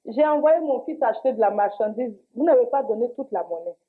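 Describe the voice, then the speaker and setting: A woman's voice: a little high, expressive. A woman with an Ivorian French accent playing an angry mother who complains about prices in a comedy sketch. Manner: indignant, scolding, rapid complaints. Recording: tinny lo-fi audio.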